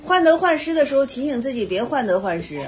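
A woman meditation teacher with a slightly high voice, answering students' questions in a Buddhist talk. She explains patiently and at length, often humming soft agreement. Her tone stays calm and explanatory. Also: quick pace, a crowd in the background. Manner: patient, explanatory, many soft affirming hums.

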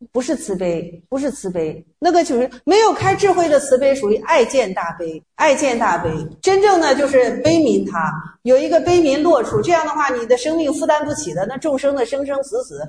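A woman's voice: sits high, a little mellow. A woman Buddhist teacher giving a dharma talk, telling stories and acting out quoted lines. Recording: roomy echo.

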